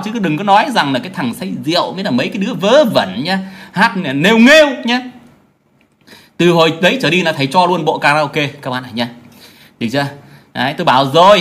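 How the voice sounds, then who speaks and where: Loud, mocking man ranting. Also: sits high. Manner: blunt, crude, mocking, keeps asking "right?". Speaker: self-styled teacher ranting to viewers. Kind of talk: profane rant monologue.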